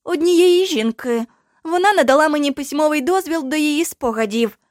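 A woman voicing a calm young woman, a mystical guide who explains patiently and jokes dryly. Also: high-pitched, normal speed, dry recording, studio quality, natural voice.

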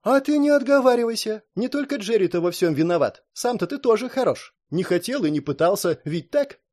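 A man's voice: high-pitched, animated, fairly quick, darkish tone, voice pushed up. A man reading an audiobook, voicing a cheerful, plainspoken young woman with folksy rustic speech. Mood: teasing, earnest. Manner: folksy, drawls "-to" tags.

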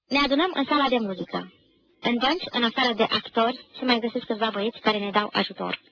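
A woman reads a novel in a measured, literary manner, giving the characters' lines a light touch of acting. Her voice sits a little high. The recording is a dull-sounding 1990 radio archive with a faint hiss underneath. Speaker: reader of a novel.

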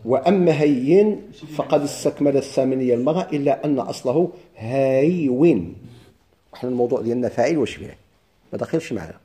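Moroccan male grammar teacher, mellow tone, drilling call-and-response. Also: mid-range voice, animated. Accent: Moroccan Arabic. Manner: drills students with questions and answers; chants verse slowly. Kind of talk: classroom lesson with questions.

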